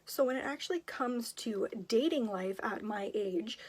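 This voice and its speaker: Emotional, halting woman in her thirties. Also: a little high, lively intonation, slightly rough. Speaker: vlogger. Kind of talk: personal confessional to camera.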